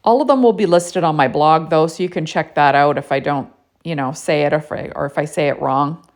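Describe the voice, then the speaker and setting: A woman's voice: low voice, a little fast. A woman narrating a casual card-making tutorial in a chatty way, with lots of "you know" and "right?".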